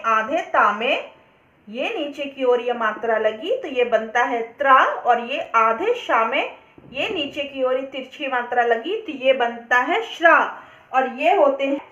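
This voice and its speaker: A woman teacher explaining a grammar lesson step by step, slowly working through examples. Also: high voice, fairly bright tone. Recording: echoey, dull lo-fi room recording.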